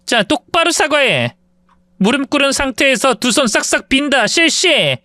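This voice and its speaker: Male narrator plays a commanding young wife, high-pitched and scolding. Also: big pitch swings, moderate pace, sharp tone, no echo, clean studio sound, full character voice. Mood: commanding, furious.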